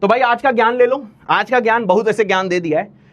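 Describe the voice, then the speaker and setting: A man's voice: high-pitched, a little fast, dull audio. A male maths teacher giving an online lecture, chatty and teasing, pushing his students with blunt encouragement. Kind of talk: online maths lecture, motivational pep talk.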